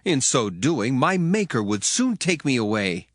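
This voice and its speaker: Elihu, earnest young man with animated oratory. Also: mid-range voice, a little slow, no echo, studio quality. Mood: impassioned, bursting. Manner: oratorical, emphatic, archaic formal phrasing. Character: earnest young man Elihu, indignant biblical speaker rebuking his elders. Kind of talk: dramatized scripture reading, declamatory.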